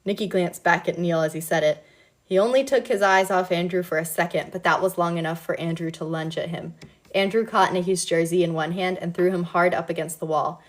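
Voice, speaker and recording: A woman's voice: fairly low pitch, a little fast. Woman casually reading a novel aloud. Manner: relaxed, breaks off to laugh and comment. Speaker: reader.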